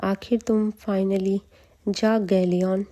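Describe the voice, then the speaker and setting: A woman voicing a proud, bitter queen in a slow, flat storytelling recap. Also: medium pitch, close to an everyday voice. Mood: cold.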